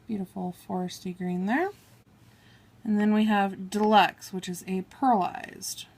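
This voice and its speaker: In an unhurried, slightly mellow voice of medium pitch and fairly even intonation, a beauty vlogger casually walks through her makeup haul. She swatches shades on her arm and apologizes for mispronouncing names, recorded by a camera on a table aimed at her hands.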